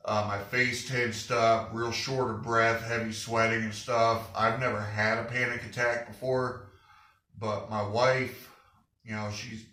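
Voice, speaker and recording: A man hosting his garage channel, talking plainly and haltingly with fillers, audibly short of breath. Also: mid-range voice, level tone, bright, forceful tone, echoey room, distant mic, rough recording. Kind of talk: casual vlog update. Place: home garage.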